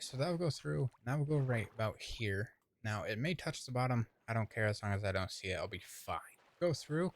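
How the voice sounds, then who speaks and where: Gravelly-voiced man narrating his gameplay. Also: lowish voice. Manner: rambling, self-talking, exclaims at setbacks. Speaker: gaming video creator. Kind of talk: casual gameplay commentary.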